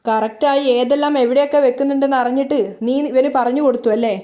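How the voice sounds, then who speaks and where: A fast-talking woman with a high, steady, mellow voice close to everyday speech reads the lines of a scornful middle-aged woman accusing a boy of theft. The mood is accusing, but she reads plainly in her own voice.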